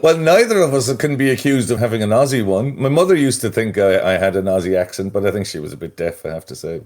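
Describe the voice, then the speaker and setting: A middle-aged man from Ireland, appearing as a podcast guest and mental health strategist, speaks in a conversational interview with a fairly low, expressive, slightly mellow voice. He talks quickly, thoughtful and a little rambling.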